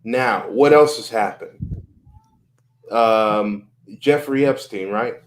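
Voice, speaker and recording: A man's voice: on the low side, takes it slowly. A man hosting a casual podcast chat, talking earnestly, repeating and restarting phrases and swearing freely.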